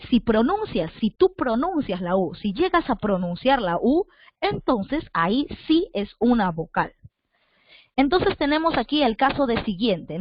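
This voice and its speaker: A woman's voice: on the high side, no echo. Patient woman teacher, dull dry sound. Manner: patient, repeats points, asks the listener rhetorical questions. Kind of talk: online class lecture.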